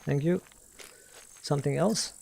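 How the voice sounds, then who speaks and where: A man streams a game while ranting casually and defensively, repeating rhetorical questions and swearing. His voice is fairly high and unhurried, warm in tone with vocal fry and a breathy edge.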